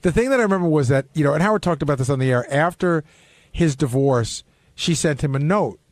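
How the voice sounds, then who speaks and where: Animated and quick, his slightly high voice comes through with no room sound. He's a staffer who sits on a radio panel, talking casually and profanely as he bluntly gives his views in the studio.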